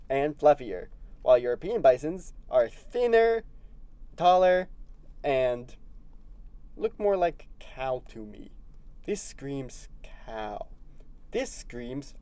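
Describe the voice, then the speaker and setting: A man's voice: fairly high pitch, a little mellow, no room sound. A young man hosting a puppet animal news show in a loopy, goofy, punning style. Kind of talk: comedic animal news presenting.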